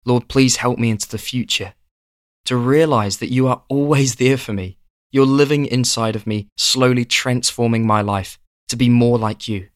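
Man reading bible verses and a prayer, steady and solemn, dry close sound. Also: mid-range voice, normal speed, no room sound. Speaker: scripture reader and prayer leader. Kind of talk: scripted scripture reading and prayer.

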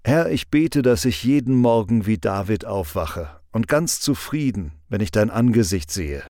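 A man giving a calm devotional sermon with a measured, instructive delivery. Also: fairly low pitch, no room sound, clean studio sound. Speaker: preacher.

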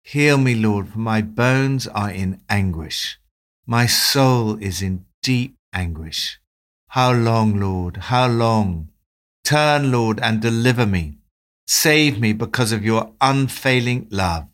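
A man giving a devotional talk, reading Bible passages and reflecting on them in a calm, measured way. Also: lowish voice. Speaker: devotional presenter.

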